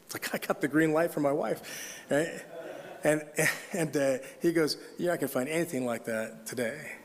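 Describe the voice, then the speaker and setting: A man's voice: on the high side, moderate pace. A middle-aged man preaching at a conference, telling stories with humor and reading scripture. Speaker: conference speaker. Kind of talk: sermon. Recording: long hall reverb.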